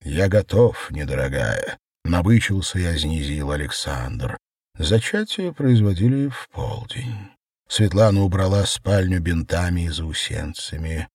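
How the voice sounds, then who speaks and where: A man narrating surreal prose in a measured, theatrical audiobook reading. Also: low voice, a little mellow, slightly rough, no room sound, clean studio sound.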